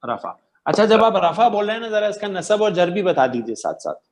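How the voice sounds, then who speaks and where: A man's voice: sits high, sing-song. A man teaching an online Arabic grammar class, quizzing students patiently and affirming their answers. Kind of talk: interactive online class lecture.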